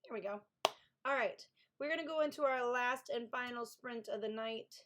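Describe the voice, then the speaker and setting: A woman's voice: a little high, normal speed, noisy background. A woman from Kentucky with a Southern accent, chatting casually with viewers on a live stream about her books. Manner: chatty, thanks viewers, reads chat aloud. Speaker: author streaming writing sprints.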